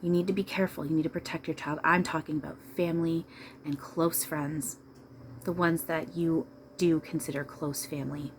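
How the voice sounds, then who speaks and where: A woman with a low, steady voice, speaking at normal speed, acts as a trance medium channeling a spirit in a seance. She gives listeners direct, informal advice in an emphatic, repetitive monologue. A slight hiss or hum is audible.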